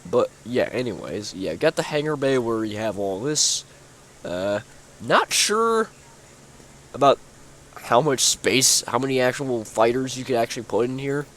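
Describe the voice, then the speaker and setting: A man's voice: mid-range voice, animated, unhurried, fairly bright tone, a little hiss or hum. A young man giving casual, rambling commentary while touring his own build in a video game, full of fillers and restarts, sounding sleepy. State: sleepy, yawning. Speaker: gaming YouTuber. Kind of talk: casual gameplay walkthrough commentary.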